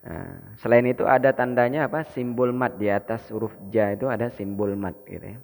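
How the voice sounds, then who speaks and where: A man with an Indonesian accent teaching Quran reading, explaining rules slowly and chanting verses in a drawn-out melodic way for students to repeat. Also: fairly low pitch, vocal fry, darkish tone, a little hiss or hum. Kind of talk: Quran recitation lesson. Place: mosque hall. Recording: long reverb of a mosque hall.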